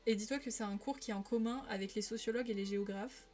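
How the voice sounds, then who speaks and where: A young adult woman chatting casually to her viewers during a live coloring stream, talking straight to them in a lively, familiar way. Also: on the high side, fast, faint music behind.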